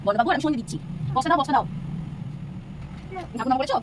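A woman's voice: high voice, lively intonation, fast talker, background noise. A woman vlogging at home, narrating her day and patiently guiding her child through chores with repeated instructions. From Bengal. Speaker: mother vlogger. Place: home, indoors.

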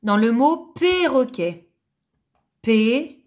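A woman teacher giving a slow phonics lesson to young children, carefully sounding out and repeating each word. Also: fairly high pitch, animated.

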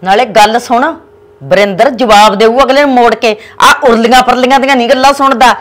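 A woman's voice: fairly high pitch, a little fast, natural voice. An actress playing a quarrelsome middle-aged village mother-in-law with a Punjabi accent and a sarcastic tongue. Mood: bickering. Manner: bickering, sarcastic.

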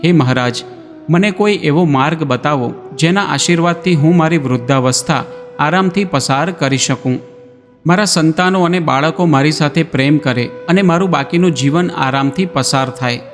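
A man's voice: on the high side, moderate pace, natural voice. A male narrator voicing a grieving old village man who pleads with folded hands. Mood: pleading. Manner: imploring, tearful pleas. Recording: long reverb, background music.

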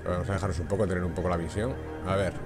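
A man casually narrating his let's play, joking and reading prompts aloud. His voice sits a little low. Faint game music murmurs behind. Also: level tone, rapid-fire. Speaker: gamer.

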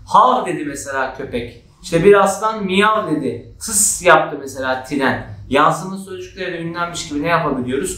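Male teacher, lively, slightly high voice, echoey classroom sound. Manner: lively, acts out example shouts with raised pitch. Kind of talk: exam-prep grammar lesson. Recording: echoey room.

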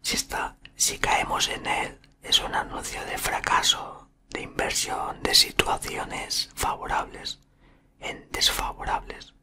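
A man in his thirties reads from a book in a breathy ASMR whisper, murmuring haltingly very close to the microphone. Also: pushed and bright. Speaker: ASMR content creator. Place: small room indoors. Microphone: desktop condenser microphone, very close.

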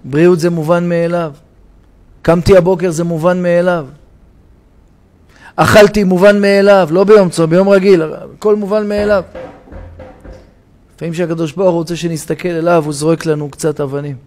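A rabbi giving a sermon in a synagogue, telling a parable with dramatic shouts and changes of voice. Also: male voice, sits high, fairly even intonation, pauses often. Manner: dramatic storytelling, shouting the parable's cries for help.

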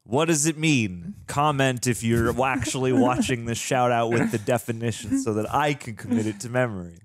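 A young man co-hosting a reaction show, joking through a playful shout-out segment. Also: medium pitch, normal speed, dry recording. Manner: playful, mock-grand wordplay. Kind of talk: casual chat.

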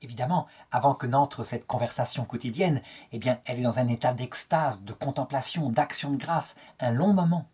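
Very smooth-voiced French man lecturing. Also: mid-range voice, moderate pace, hardly any pauses, dark tone. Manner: storytelling, quotes dialogue with lifted tone. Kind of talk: spoken lecture on a saint's life.

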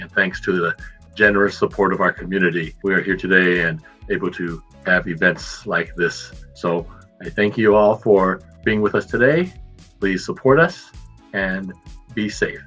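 A man's voice: low-pitched, bright, forceful tone, slightly rough. A man from San Francisco, a board member, introducing himself in a friendly, chatty way in an office. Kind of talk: casual introduction. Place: office wall with banner. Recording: dull lo-fi audio with faint music.

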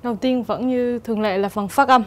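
A woman teacher giving a steady, explanatory exam-prep lesson and reading the answer options aloud. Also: fairly high pitch, a little fast. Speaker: English teacher.

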